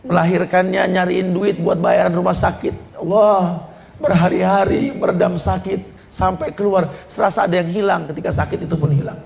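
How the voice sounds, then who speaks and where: A man's voice: high-pitched, fairly even intonation, normal speed, vocal fry, darkish tone, a little hiss or hum, pitched above the performer's own voice. A preacher voicing an aging mother who pleads about the pain of raising her son. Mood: plaintive. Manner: plaintive, pleading. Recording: echoey room.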